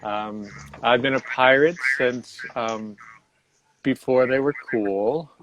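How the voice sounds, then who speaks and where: A man introducing himself with absurd deadpan jokes over a video call. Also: medium pitch, takes it slowly, muffled recording, noisy background. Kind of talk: casual chat.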